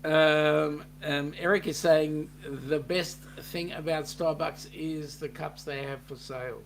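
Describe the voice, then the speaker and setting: A gravelly, slightly raised male voice with a New Zealand accent, talking at an unhurried pace. He co-hosts a casual livestream chat and reads out viewer comments, filling gaps with ums. A faint hum sits behind him. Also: fairly high pitch. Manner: relaxed, reads out chat messages with filler ums.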